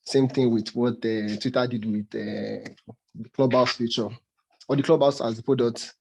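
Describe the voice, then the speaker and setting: A man's voice: medium pitch, steady tone, moderate pace, gravelly, a little mellow, rough recording. A man answering a question in an online class, out of breath and hesitant with filler words. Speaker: student.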